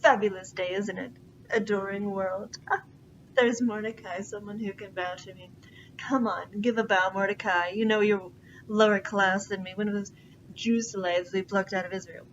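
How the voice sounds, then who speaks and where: A woman's voice: medium pitch, steady tone, moderate pace, dull audio, a little hiss or hum, lightly acted. A woman playing an arrogant, petulant male counselor who talks in a haughty, whiny, demanding way.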